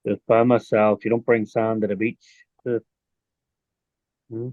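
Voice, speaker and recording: A man's voice: lowish voice, level tone, measured pace, no room sound. A man chatting casually on a video call from his phone, joking easily, his audio muffled and glitching.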